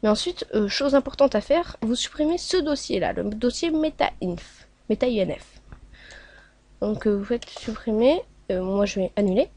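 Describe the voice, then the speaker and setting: Hesitant woman with a slightly high voice. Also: lively intonation, normal speed, few pauses, mellow, slight background noise. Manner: hesitant, many filler sounds, talks along while clicking. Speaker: tutorial host. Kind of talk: casual screen-recorded tutorial.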